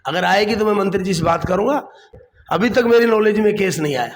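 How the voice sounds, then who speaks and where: A man's voice: high-pitched, brisk. A man, a district council chief answering a political interview defensively and repeating his points.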